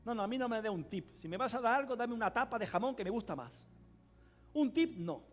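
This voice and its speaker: A man preaching a sermon as pastor of a church, emphatic, swinging between loud cries and quiet asides and calling on the congregation to answer aloud. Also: very high-pitched, big pitch swings, brisk. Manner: calls on the congregation to respond aloud. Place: church service hall.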